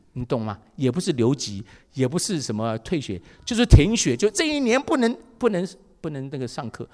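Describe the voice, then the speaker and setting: Lively male pastor preaching in a hall. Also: a little high. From Taiwan. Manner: lively storytelling with acted dialogue. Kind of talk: sermon.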